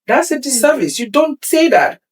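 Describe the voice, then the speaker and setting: A woman's voice: high-pitched, big pitch swings, moderate pace. A middle-aged woman talking as a talk show guest, emphatic and motivational, repeating her phrases for stress. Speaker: guest, community leader and counselor.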